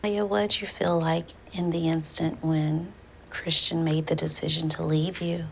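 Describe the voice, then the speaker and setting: A woman in the role of a therapist, asking calm, welcoming questions. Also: low voice, a little slow, gravelly, a little hiss or hum, poor audio. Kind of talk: gentle questioning.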